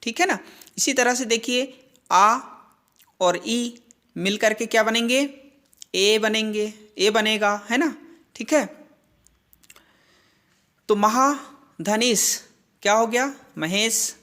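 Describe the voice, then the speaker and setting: A man's voice: sits high, slow, pauses often, pushed and bright. A man teaching grammar in a video lesson, who asks a question and then answers it himself. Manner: repeats questions and answers them, frequent "ठीक है". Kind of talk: slow classroom-style explanation.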